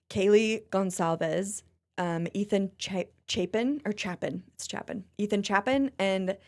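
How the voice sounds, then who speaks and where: A young woman from China co-hosting a podcast in casual chat, animated and quick to laugh. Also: on the low side. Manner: chatty, animated, laughs often. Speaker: podcast co-host.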